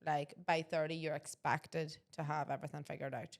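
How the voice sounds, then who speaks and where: Co-host: low-pitched woman in her twenties, opinionated and emphatic. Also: flat delivery, fairly quick. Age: 20s. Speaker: podcast co-host. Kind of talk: casual chat.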